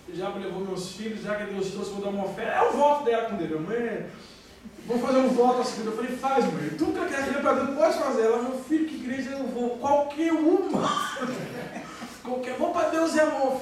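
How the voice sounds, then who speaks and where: A man with a Brazilian Portuguese accent, a pastor giving an emotional testimony sermon and acting out the dialogue as he tells it. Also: very high voice. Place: church hall. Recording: very echoey hall, far from mic, faint hiss.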